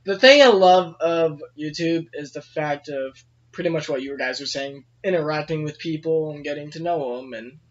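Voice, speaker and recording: A man's voice: on the high side, normal speed. A man co-hosting a casual gaming podcast, laid-back and filling his sentences with "you know". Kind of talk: casual chat. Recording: dull lo-fi podcast audio.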